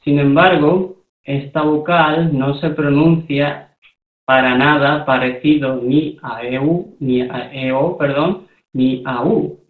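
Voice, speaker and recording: A man gives a patient classroom lesson, explaining each point step by step and checking that the class follows. His voice sits a little high and he talks slowly. The sound is echoey and narrow, like a phone line. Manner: explains step by step, often checks with "¿vale?" and "¿de acuerdo?". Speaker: Korean language teacher. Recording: echoey room over a thin phone-like line.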